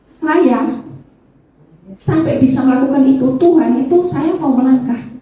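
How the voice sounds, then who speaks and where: A middle-aged woman speaks at a church, giving an emotional testimony to the congregation in a fairly high but mellow voice. She is recorded from far off in a very echoey hall, with faint room ambience behind her. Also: measured pace, a little hiss or hum. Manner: addresses listeners as "saudara", acts out tearful prayers in a high voice.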